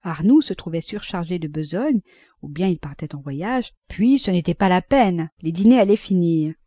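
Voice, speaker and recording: A woman narrating a classic novel as an audiobook, reading at a measured, even pace. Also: fairly low pitch, dry recording.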